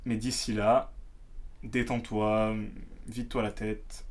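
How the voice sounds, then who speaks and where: A man's voice: level tone, slow pace. A man playing a shaken man who speaks hesitantly and confides in a friend. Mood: reassuring. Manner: hesitant, confiding, low-key. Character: shaken man recounting a strange event. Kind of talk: amateur short film acting.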